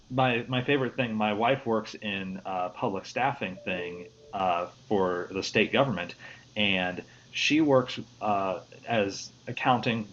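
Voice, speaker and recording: Lower-voiced Midwestern man, lo-fi stream. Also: a bit bright. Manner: easygoing, rambling with frequent restarts. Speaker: host. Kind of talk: casual livestream panel chat. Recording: lo-fi stream audio with faint hiss.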